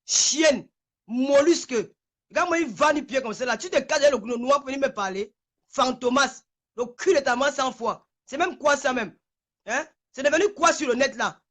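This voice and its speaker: A high-voiced woman furiously ranting on a phone live stream. She trembles with anger, repeats her insults again and again, and stammers when the words pile up. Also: moderate pace, fairly bright tone. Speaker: livestreamer. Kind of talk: angry livestream rant.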